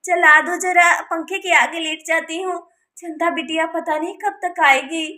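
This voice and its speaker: A woman's voice: very high-pitched, steady tone, unhurried, bright, forceful tone, heavily acted. A woman voicing a fussy older village aunt in a doll story, talking in a rustic, worried, scolding way. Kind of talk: Hindi doll-story voice acting.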